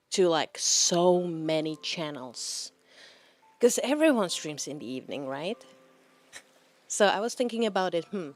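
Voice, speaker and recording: A Czech woman whose first language is Czech streams as a VTuber, chatting casually with her live chat. She talks slowly in a lowish voice, rambling and laughing often.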